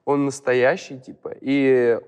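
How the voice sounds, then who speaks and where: A man's voice: medium pitch, flat delivery, slow, darkish tone, clear, resonant tone. A young man chatting casually as a guest musician, slangy and swearing often, with lots of filler words. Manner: slangy, swears often, fills with "типа" and "бро". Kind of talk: casual chat. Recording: long hall reverb.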